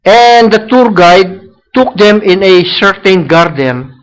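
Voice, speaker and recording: Man, high pitched, church sermon, Tagalog-English switching, repetitive emphasis, "No?" tags. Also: expressive, slow, clear, resonant tone, low-quality recording. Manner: repeats himself for emphasis. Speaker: preacher. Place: church service.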